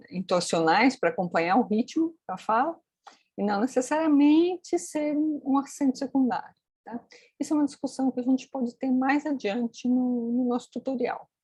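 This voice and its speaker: A woman walks students through an intonation tutorial. Her voice is slightly high and husky. It sounds dry and close, with almost no room sound, and she keeps checking in with little tag questions. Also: a little mellow, no echo. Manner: explanatory, frequent tag questions. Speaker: phonetics instructor. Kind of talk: screen-recorded tutorial.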